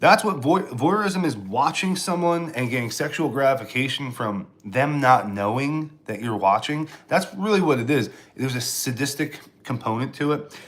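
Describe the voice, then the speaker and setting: A man's voice: mid-range voice, expressive, moderate pace, fairly bright tone. A man from Pennsylvania, a stand-up comedian, rambling sarcastically in a casual live stream while answering chat, with frequent restarts.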